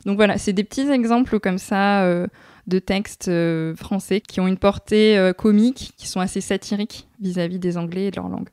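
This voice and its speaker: A woman's voice: medium pitch, moderate pace, darkish tone, clean tone, dry recording, clean studio sound. A young adult woman answering as a guest researcher, explaining at length with many thoughtful hesitations.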